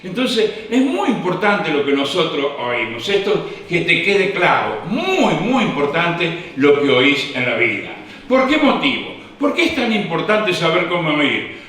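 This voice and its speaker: Pastor guy preaching hard, repeats himself, bright sharp tone, echoey church. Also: a little high, big pitch swings, a little slow. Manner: fervent, repetitive preaching cadence. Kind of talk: sermon. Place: church hall. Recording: echoey hall, distant mic.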